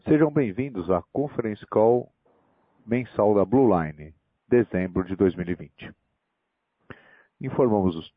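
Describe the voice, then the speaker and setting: A man's voice: on the low side, husky, dry recording. Phone-line Brazilian man, polite customer service voice. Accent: Brazilian Portuguese. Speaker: conference call moderator. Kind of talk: formal scripted call introduction. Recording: muffled, narrow phone line.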